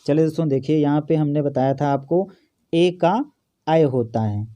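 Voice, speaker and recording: A man teaches an exam-prep grammar lesson at normal speed, his voice fairly high yet mellow and dark. He asks his students each question, answers it himself, and works through the examples step by step. It's recorded by a phone or camera held over a notebook.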